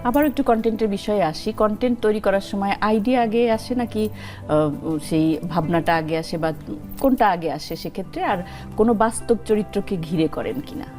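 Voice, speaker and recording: Mellow-voiced woman radio host. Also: medium pitch, moderate pace, soft background music. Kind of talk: interview questions.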